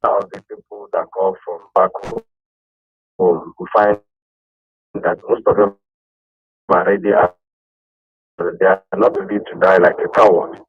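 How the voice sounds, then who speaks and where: A man calling in to a radio show, speaking haltingly and searching for words. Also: sits low, breathy edge, no room sound. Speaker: caller. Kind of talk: call-in radio speech. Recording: muffled call line with faint music.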